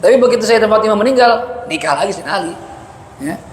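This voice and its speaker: A man with a fairly high voice teaches a mosque study session in a relaxed, talkative way, quoting Arabic and slipping into casual slang. The sound is roomy and echoey, with a faint hiss underneath. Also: quick pace. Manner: chatty and lively, mixes Arabic citations with casual slang and chuckles. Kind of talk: colloquial religious lecture answering a question. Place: mosque hall.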